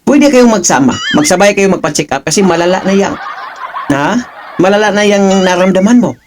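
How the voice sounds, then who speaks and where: A man's voice: high-pitched, lively intonation, a little fast. Guy ranting and mocking on his channel, laughs a lot, noisy recording. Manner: taunting, laughing, keeps asking "ha?". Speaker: political reaction vlogger. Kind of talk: mocking reaction commentary.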